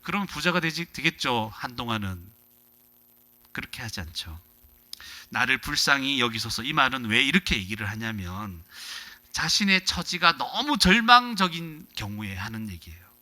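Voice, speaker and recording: A man preaching a sermon as pastor, lively and dramatic, acting out the people in his story and swinging between loud outbursts and hushed lines. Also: medium pitch, normal speed.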